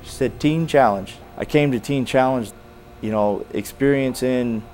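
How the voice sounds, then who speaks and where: A man telling his personal testimony as a former biker, earnest and halting, often restarting and saying "you know". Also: medium pitch, steady tone, a little mellow, slight background noise.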